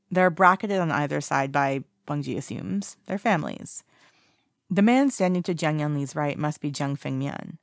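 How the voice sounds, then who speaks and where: Gravelly-voiced fiction reader. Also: mid-range voice, no room sound, clean studio sound. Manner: casual reading with small slips and self-corrections. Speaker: narrator. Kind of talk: fan fiction audiobook reading.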